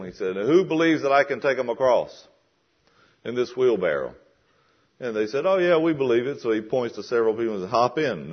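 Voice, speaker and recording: Guy preaching a sermon, lowish husky voice, chatty then punchy questions, dull lo-fi recording. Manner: conversational, rising to emphatic questions.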